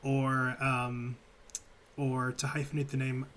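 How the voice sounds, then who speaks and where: A man of medium pitch appearing as an author guest on a book panel. He explains his points in a thoughtful, mildly wry way. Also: monotone, takes it slowly, a bit bright, slight background noise. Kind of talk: casual group chat.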